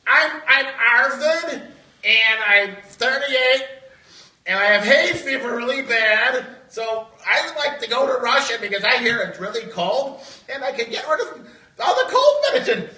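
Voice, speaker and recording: A man's voice: very high-pitched, animated, measured pace, bright, forceful tone, distant mic, heavily acted. A man playing an awkward, stammering bachelor with bad hay fever who still lives in his mother's basement. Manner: stammering, rambling. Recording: roomy echo, from off-mic.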